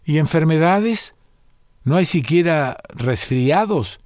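A newly arrived man cracks awkward jokes while feeling uneasy, as a male narrator puts him on. His questions rise a little in pitch and sound close and dry. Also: expressive, slow, a little mellow, dry recording. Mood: joking. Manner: awkwardly joking.

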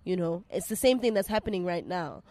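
A woman's voice: lowish voice, expressive, a little fast, dark tone. A South African woman speaking as an interview guest in candid, casual chat, emphatic and repeating her phrases, with slang mixed in. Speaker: interview guest, actress and media personality.

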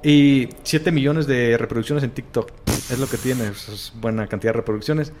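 A man's voice: medium pitch, normal speed, background noise. A man with a Mexican accent telling a paranormal story in casual chat, acting out the voices of the people he quotes. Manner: animated, acts out quoted voices in slang-heavy chat. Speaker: guest storyteller, paranormal content creator.

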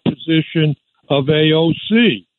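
A man's voice: fairly high pitch, normal speed. A man calling in to a radio show over the phone, listing complaints in short bursts. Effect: calling in over a phone line. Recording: dry tinny phone line.

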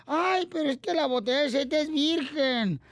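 A man's voice: very high-pitched, moderate pace, dry recording. A man voicing Casimiro, a bawdy old rancher who tells jokes on a radio comedy show. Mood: joking.

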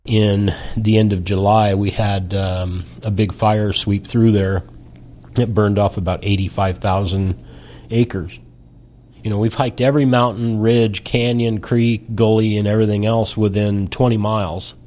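A man recounting a personal story in a casual, plainspoken way, with soft music behind. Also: lowish voice, little pitch movement, unhurried. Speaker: interviewee.

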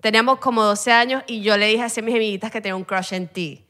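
A woman's voice: on the high side, fast, pushed and bright. A young woman with a mixed Venezuelan and Caribbean accent, chatting casually as a podcast guest, laughing often and slipping English fillers into her talk. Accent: Venezuelan with mixed Caribbean tones. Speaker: guest, content creator.

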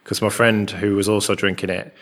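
An English man chatting casually and rambling a bit, recorded with a big hall echo in a large, open flat with a concrete floor. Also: lowish voice, a little fast. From England. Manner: rambling and chatty, with many fillers. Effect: big hall echo from an enormous, bare room. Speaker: podcast co-host. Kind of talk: casual chat.

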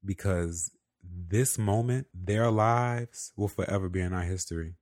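A man's voice: sits low, unhurried, a little mellow, no echo. A man co-hosting a podcast, talking in an earnest, reflective way with casual fillers. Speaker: podcast co-host.

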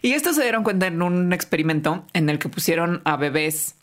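A woman's voice: fairly low pitch, expressive, brisk. A woman co-hosting a casual science podcast, chatty and explanatory. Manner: chatty, explanatory, laughs often. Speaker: podcast co-host.

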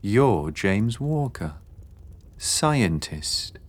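A man voicing a young woman in an audiobook, a medium who speaks softly and reproachfully. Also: fairly low pitch, sing-song, drawn-out words, exaggerated voice. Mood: hurt. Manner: soft, quiet, reproachful. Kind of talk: audiobook character voice.

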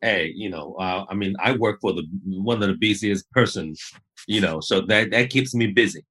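A man speaks as a guest in a relaxed interview, rambling and filling his talk with lots of "you know." His voice sits somewhat low. He sounds easygoing and unhurried as he tells his stories. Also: breathy edge. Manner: relaxed, rambling, many fillers. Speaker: guest, photographer. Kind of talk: casual interview.

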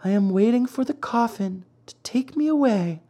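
A man voicing a ghostly young maiden in a storybook, weak, hushed and lifeless. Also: extremely high pitch, animated, normal speed, pitched above the performer's own voice. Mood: faint, mournful.

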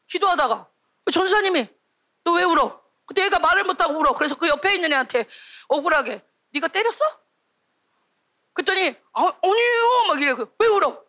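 A young woman preaching a lively sermon to children at a church camp, telling stories and acting out the children's voices. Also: very high-pitched.

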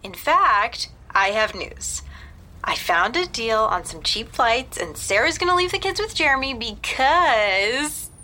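An actress playing an excitable sister in an audio drama, with a gushing, teasing manner. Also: female voice, fairly high pitch, unhurried, full character voice. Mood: excited. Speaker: actor.

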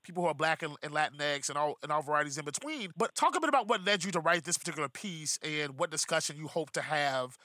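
Male podcast host, rapid and bright, a little high, talks in loose digressions. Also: dry recording, studio quality. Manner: animated, rambling with digressions and self-corrections. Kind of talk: casual podcast chat.

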